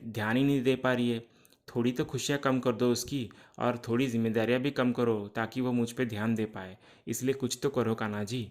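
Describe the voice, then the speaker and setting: A man narrating a TV serial recap in a casual tone, reporting each character's lines in turn, with occasional restarts mid-word. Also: medium pitch.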